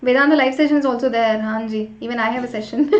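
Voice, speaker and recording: High-pitched woman teaching online. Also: fairly even intonation, fast. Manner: chatty, urging students along with repeated short prompts. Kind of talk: interactive live online lesson with quiz. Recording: roomy echo, slightly dull sound.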